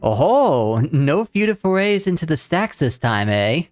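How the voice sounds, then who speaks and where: A man's voice: sing-song, measured pace, faint music behind. A man voicing a proud older male scholar who speaks in a lofty, old-fashioned way. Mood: teasing. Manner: lofty, old-fashioned speech, raised pitch.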